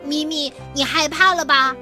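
A woman's voice: high-pitched, fairly even intonation, normal speed, sharp tone, faint music behind, voice pushed up. A woman voicing a cheeky, boastful young cat in a children's story, playful and teasing. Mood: playful taunting.

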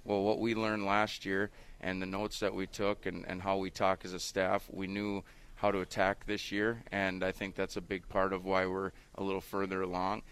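A man in his thirties, a high school hockey coach, explaining earnestly in a radio interview, his voice muffled by a face mask. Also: completely flat delivery, normal speed, a bit bright, smooth. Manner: earnest, explanatory, frequent "you know".

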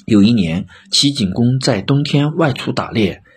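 A man narrating a historical story in a steady, even storytelling manner. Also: mid-range voice, moderate pace, breathy edge.

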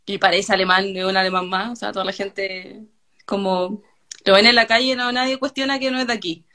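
A young Chilean woman chatting in an interview, telling stories in an animated way and acting out quotes. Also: medium pitch, fairly quick. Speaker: guest, hairdresser. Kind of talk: casual interview chat.

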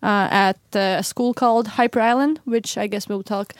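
A woman's voice: medium pitch, steady tone, moderate pace, no echo, clean studio sound. A young woman from Latvia co-hosting a podcast in casual chat, talkative and repeating her phrases. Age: young adult. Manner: chatty, laughing, repeats phrases. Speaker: podcast co-host.

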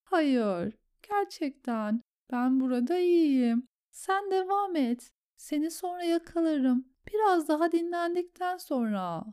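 Woman as a frightened young man, hushed, tense delivery, mellow tone. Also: very high voice, lively intonation, slow, few pauses, voice pushed up, heavily acted. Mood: weary. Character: frightened young man writing battle messages.

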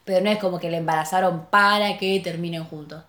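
Animated young Argentine woman. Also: lowish voice, fast. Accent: Rioplatense Spanish. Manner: animated, teasing, laughs often. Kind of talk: casual chat about books.

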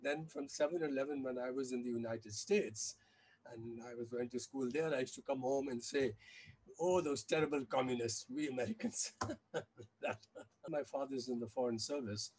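A man in his 70s, an activist and former journalist from India who spent childhood years in China and the US, reflects in an interview, recalling events haltingly and often correcting himself. His medium-pitched voice is darkish and slightly rough, and the recording is rough.

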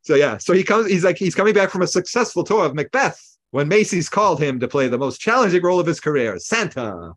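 A man co-hosting a podcast, retelling old comedy sketches in an animated way and acting out lines with gasps and laughs. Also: fairly high pitch, quick pace. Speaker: podcast co-host. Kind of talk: casual chat recapping old comedy sketches.

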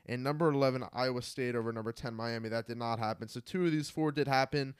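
A young man co-hosting a casual sports podcast, talking in a rambling, fairly monotone way with lots of fillers. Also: medium pitch, fast talker, clean tone, dry recording, clean studio sound. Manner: rambling, self-described monotone delivery with many fillers. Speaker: podcast co-host.

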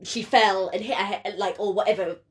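A woman co-hosting a true-crime podcast in a casual way. She picks apart accounts with pointed, indignant questions, in a voice of ordinary pitch. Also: fairly even intonation, moderate pace. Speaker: podcast co-host.

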